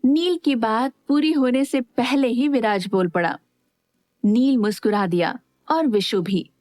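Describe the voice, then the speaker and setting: A woman narrating a romance audio story in calm, even storytelling. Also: a little high, unhurried, no room sound, clean studio sound. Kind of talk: scripted narration.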